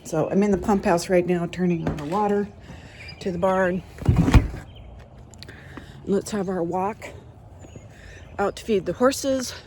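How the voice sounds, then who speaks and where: A woman hosting her own podcast, chatting in an unhurried way with frequent ums and pauses, recorded on a phone. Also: fairly low pitch, very noisy. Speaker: podcast host. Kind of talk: casual chat.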